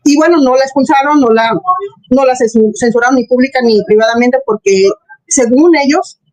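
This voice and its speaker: A middle-aged woman, formerly a Jehovah's Witness, tells her personal story casually and earnestly as an interview guest. Her voice sits high and is a little mellow, at a normal speed, on a low-quality recording, and she uses many fillers and acts out quotes.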